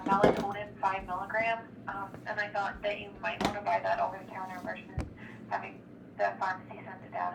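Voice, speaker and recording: A woman's voice: medium pitch, creaky. Woman nurse leaving a voicemail, played on speaker. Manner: hesitant, many ums. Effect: voicemail message played back over a phone speaker. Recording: echoey, distant, noisy phone speaker.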